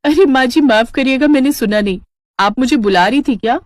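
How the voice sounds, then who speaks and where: A woman voicing a vain, touchy young daughter-in-law in a storybook tale, with a shrill, excitable way of talking. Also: brisk, no echo, studio quality, close to an everyday voice. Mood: pleading. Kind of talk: storybook character voice.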